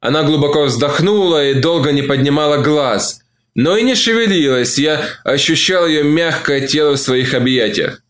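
A man reading a novel aloud as an audiobook, narrating in the first person at a measured, calm pace. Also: fairly high pitch.

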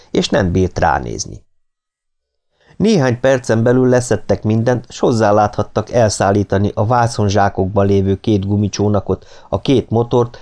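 Brief: male audiobook reader, low and gravelly, lively intonation, steady expressive read. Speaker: audiobook narrator. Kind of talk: audiobook narration.

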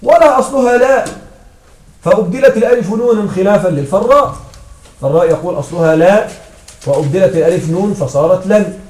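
A man's voice: high-pitched, quick pace, a little mellow. A man teaching an Arabic grammar lesson to a class, often stopping to check that his students follow. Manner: checks understanding with frequent questions to students. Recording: echoey room from far off.

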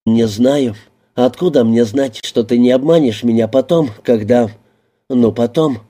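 A man voicing a defiant, frightened young woman in an audiobook reading, with sharp, indignant retorts. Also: mid-range voice, a little slow, lightly acted. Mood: distrustful.

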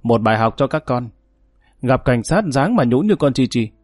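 A man's voice: mid-range voice, big pitch swings, moderate pace, a little mellow, dry recording, clean studio sound. A man voicing Mừng Lác, a menacing gang boss. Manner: threatening, harsh. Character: tough male gang leader, cold and menacing.

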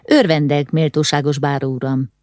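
A woman voicing a proud, eccentric middle-aged landowner who speaks with measured, restrained calm. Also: low-pitched, dry recording, studio quality, lightly acted.

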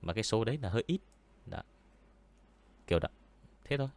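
Deep-voiced man in casual chat. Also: lively intonation, creaky. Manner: unhurried and explanatory, many hesitant fillers. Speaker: horror story reader and channel host. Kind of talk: casual livestream chat answering viewers. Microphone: studio mic with pop filter.

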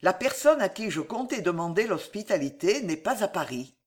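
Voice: mid-range voice, very animated, normal speed, close to an everyday voice. Narrator doing a courteous young knight. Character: young gallant male knight. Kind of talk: audiobook character reading.

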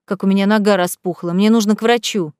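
A woman reading an audiobook, voicing a frightened but defiant young woman held prisoner, with sharp, indignant speech. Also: fairly even intonation, quick pace, smooth, dry recording, studio quality, lightly acted. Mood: frightened anger. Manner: sharp, indignant, higher-pitched.

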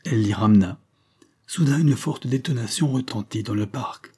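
A man narrating a story in a measured, literary way as an audiobook reader. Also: mid-range voice, mellow, slightly rough.

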